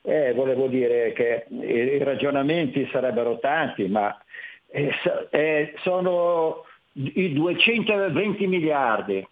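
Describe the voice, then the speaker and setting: A man's voice: mid-range voice, lively intonation, slow pace. A man calling in to a radio talk show over the phone, talking hesitantly and stumbling over his words. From Genoa, Italy. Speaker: caller. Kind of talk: radio call-in. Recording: tinny phone line.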